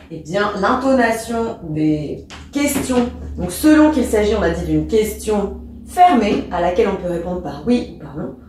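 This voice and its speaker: A woman's voice: mid-range voice, a little mellow, a little hiss or hum. A woman teacher explaining a lesson, speaking informally to the pupil and acting out rising and falling intonation. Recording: echoey room, distant from mic.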